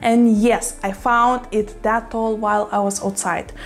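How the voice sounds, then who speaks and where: A woman with a strong Russian accent talking casually to the camera at home about her rescued houseplants, chatty and quick to laugh. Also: mid-range voice, flat delivery. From Lithuania. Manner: chatty, laughs often, says "you know" a lot. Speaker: plant vlogger. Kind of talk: casual vlog chat. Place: home room with plants.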